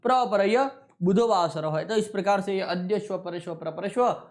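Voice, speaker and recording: A man teaching Sanskrit in a classroom lecture, who speaks, addresses his students as companions and repeats words slowly to drill them. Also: high-pitched.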